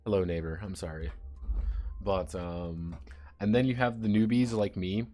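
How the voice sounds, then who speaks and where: A man's voice: sits low, steady tone, moderate pace, mellow, soft background music. A man streaming and chatting casually, rambling, swearing and sardonic about his teaching job.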